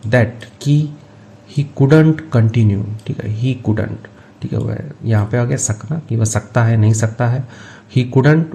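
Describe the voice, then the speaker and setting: A man teaching English, reading each phrase of a story slowly and then explaining it. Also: fairly low pitch, gravelly, warm tone. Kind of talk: line-by-line translation lesson.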